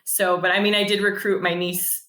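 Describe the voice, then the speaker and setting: This San Jose bakery owner, a woman in her thirties, swaps casual stories on a podcast at a moderate pace and medium pitch. The room sounds echoey, and she keeps laughing while animatedly voicing the lines of people in her tales.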